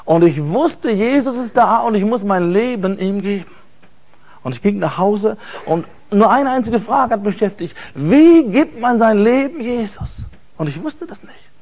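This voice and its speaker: A man's voice: high-pitched, a little mellow. A man telling an earnest personal testimony in an intense, emphatic way, repeating words for stress. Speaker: speaker giving a personal testimony. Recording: dull lo-fi recording.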